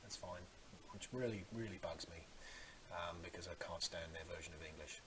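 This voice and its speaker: A man giving a casual, conversational computer tutorial with some hesitation, recorded on a hissy boom microphone. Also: fairly quick. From Australia. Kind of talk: casual screen tutorial narration. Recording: loud steady microphone hiss.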